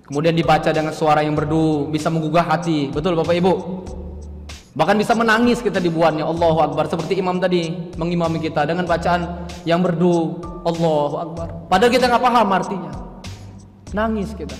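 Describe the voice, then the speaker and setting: A man's voice: on the high side, a little fast, soft background music. Male preacher, rhetorical style, echoing hall recording. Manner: addresses audience as Bapak Ibu, rhetorical questions. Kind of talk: religious lecture to an audience.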